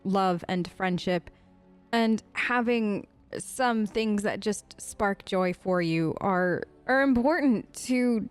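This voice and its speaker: In a clean-toned, medium-pitched voice, a woman gives casual in-character game commentary, hosting her role-play let's play in an earnest, playful manner.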